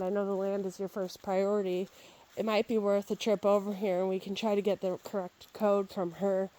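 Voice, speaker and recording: A woman's slightly mellow, mid-range voice comes through a rough recording as she walks a wooded property and casually narrates a real estate video tour. The sounds of a babbling creek and other faint outdoor noise sit in the background.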